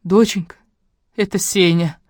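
A woman's voice: on the low side, steady tone, a little slow, darkish tone, no echo, clean studio sound, voice pushed up. A woman voicing an anxious, tearful middle-aged mother who sobs and calls out over the phone. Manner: sobbing, agitated, calling out.

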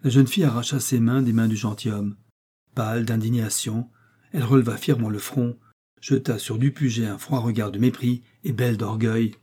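Give me a man narrating a historical romance in a measured, expressive way. The voice is warm and dark, with a soft husk. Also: mid-range voice, slightly rough. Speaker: audiobook reader. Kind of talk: dramatic novel reading.

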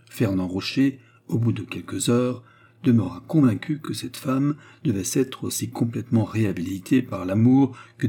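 Dark, husky male audiobook narrator. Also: fairly low pitch. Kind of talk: scripted literary narration.

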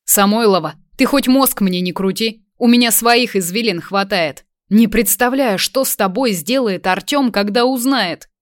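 A woman reader voicing a brash, loud grown man who mocks and threatens in an audiobook. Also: medium pitch, normal speed, hardly any pauses, no echo, clean studio sound, close to an everyday voice. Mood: mocking. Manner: loud, mocking, menacing. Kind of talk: audiobook character voice.

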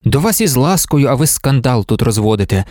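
A man's voice: mid-range voice, very animated, brisk, darkish tone, dry recording, studio quality, lightly acted. A man reading an audiobook, voicing a cheeky young male accountant who teases in familiar banter. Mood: irritated.

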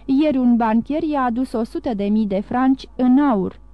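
A woman's voice: a little high, no echo, highs cut off, close to an everyday voice. Woman voicing a cunning young schemer. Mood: boastful. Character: young man, cunning smooth-talking schemer.

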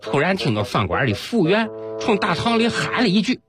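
A man radio host telling comic first-person stories with dramatic pauses, over background music. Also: sits high. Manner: animated storytelling with comic pauses. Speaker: radio host reading jokes. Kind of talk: scripted comic storytelling. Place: radio studio.

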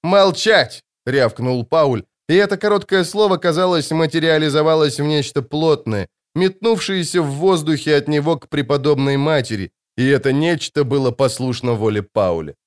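A man narrating a novel as an audiobook reader, in a measured storytelling manner. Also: on the high side. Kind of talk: scripted literary narration.

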